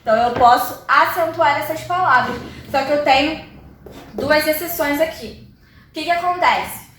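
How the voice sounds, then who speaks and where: A woman's voice: high voice, normal speed, fairly bright tone, slight background noise. A woman teaching a grammar lesson, explaining step by step and often checking in with her students. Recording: very echoey room, voice far from mic.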